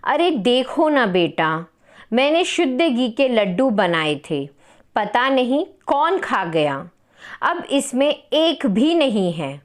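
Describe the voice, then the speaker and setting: A woman voicing a bossy middle-aged mother-in-law with a commanding, sharp-tongued manner. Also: a little high, very animated, slow. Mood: indignant. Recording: roomy echo with long reverb.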